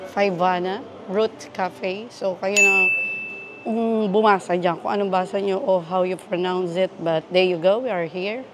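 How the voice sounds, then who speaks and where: A woman from the Philippines giving a chatty, gushing walking tour of a cafe garden on her handheld phone, switching between Tagalog and English. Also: medium pitch. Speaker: travel vlogger. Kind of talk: casual walking tour vlog. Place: cafe garden during heavy rain.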